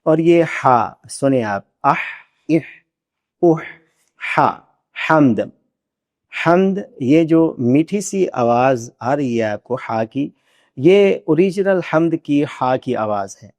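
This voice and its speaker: A man who teaches Quran recitation, explaining pronunciation patiently on a podcast and demonstrating each sound by repeating it slowly. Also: a little high, lively intonation, a little mellow, dry recording. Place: podcast studio.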